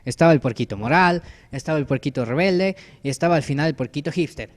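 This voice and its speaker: A man's voice: a little high, fast. Joking Mexican man narrating a kids' tale. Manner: casual, joking, self-correcting. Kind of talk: improvised storytelling while drawing.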